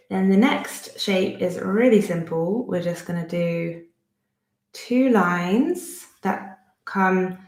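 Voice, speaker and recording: Speaking with a fairly low, creaky, darkish voice in an echoey room, a Bristolian art teacher in her thirties walks through a drawing lesson at her desk at home. She's friendly, thinks out loud step by step, and pokes fun at herself.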